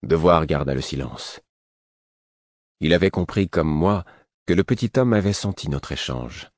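A man reading a novel aloud as a calm, even first-person narrator. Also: a bass voice, unhurried, no echo, studio quality. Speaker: audiobook narrator.

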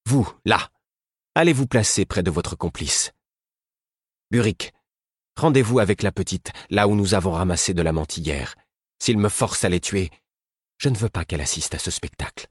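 A man's voice: low voice, animated, moderate pace, pauses often, husky, no room sound, clean studio sound. A man reading an audiobook voices a fierce mother threatening her enemies, menacing and at times coaxing. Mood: commanding. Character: fierce mother beekeeper woman, defiant and threatening. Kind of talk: audiobook character voice.

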